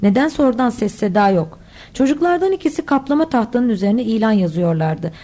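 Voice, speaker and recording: Woman, audiobook narrator, mellow warm voice, slightly high, steady reading. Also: a little fast. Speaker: audiobook reader.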